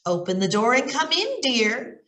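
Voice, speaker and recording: A woman voicing a sly, hungry male wolf in a storybook reading, smooth-talking and faking a sweet grandmotherly voice. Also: a little high, big pitch swings, moderate pace, a bit bright, reverberant, pitched above the performer's own voice. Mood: fake-sweet.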